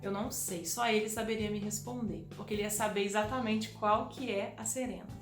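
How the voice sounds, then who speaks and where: A woman telling a childhood memory to her viewers in an animated way, often speaking to them directly. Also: medium pitch, brisk, over music. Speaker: vlogger. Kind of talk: personal storytelling. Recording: echoey room.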